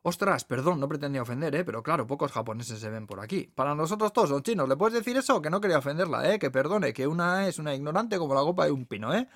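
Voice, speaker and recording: A man voicing a loud, chatty waitress in a seaside bar with a Peninsular Spanish accent, talking fast and tagging her sentences with "eh". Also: fairly high pitch, lively intonation, no echo, clean studio sound, voice pushed up. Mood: apologetic. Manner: loud, fast, self-deprecating, keeps saying eh.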